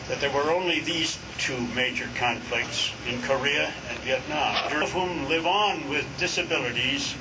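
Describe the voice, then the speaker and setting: A man delivering a formal, measured podium speech in long oratorical sentences at a dedication ceremony. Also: fairly high pitch. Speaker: ceremony speaker. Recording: noticeable steady background noise.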